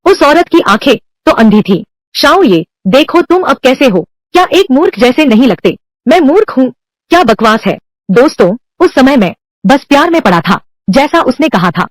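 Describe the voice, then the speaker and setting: A woman with a high, bright-pitched voice reads every role of a dubbed drama herself, keeping the same voice for men and women. Her pitch leaps up and down with animated swings. The sound is close and completely dry. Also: moderate pace, no echo. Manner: reads all male and female parts in one unchanged voice. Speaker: voice-over dubber. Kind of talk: dubbing every character of a drama alone.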